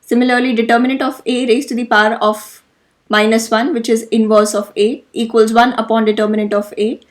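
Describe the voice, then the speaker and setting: A woman with a fairly high, level voice talks a little fast as she works through matrix notation step by step. Her slide-based math lesson is methodical, and she occasionally corrects herself.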